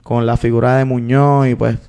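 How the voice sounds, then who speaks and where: Gravelly and dark yet mellow, his mid-range voice holds a level tone as he shares his story in long, earnest, unhurried passages thick with fillers. He is a Puerto Rican activist and filmmaker in his thirties, speaking as an interview guest.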